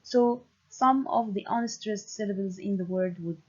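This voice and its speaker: A woman delivers a university lecture at an unhurried pace, with a faintly husky voice. She speaks deliberately, filling gaps with "uh" and checking in with "okay". The recording sounds dull and lo-fi. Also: mid-range voice.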